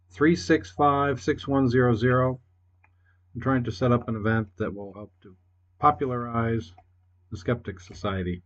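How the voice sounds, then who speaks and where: A man leaving a polite voicemail over a landline phone, reading out his number slowly. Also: mid-range voice. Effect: heard over a landline phone line. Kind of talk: phone message. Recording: muffled landline phone recording.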